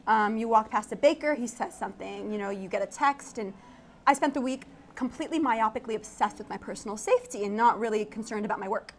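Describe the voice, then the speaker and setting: A young Iraqi woman, an architect who also founded a tech company, chats animatedly and laughs often as a guest in a casual interview at an event studio. Her voice sits on the high side and she talks fast, with slight noise in the background.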